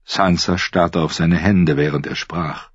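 A man reading a fantasy audiobook in a measured, even storytelling manner. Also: low voice, breathy edge, no echo, lo-fi sound. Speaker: audiobook narrator. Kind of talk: scripted fantasy narration.

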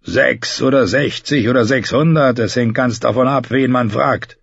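A man's voice: mid-range voice, normal speed, creaky, a bit bright, breathy edge, no echo, highs cut off, voice pushed up. A man reading an audiobook, voicing a harsh, scornful lord who speaks in a cutting, commanding way. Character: harsh scornful older male lord, contemptuous.

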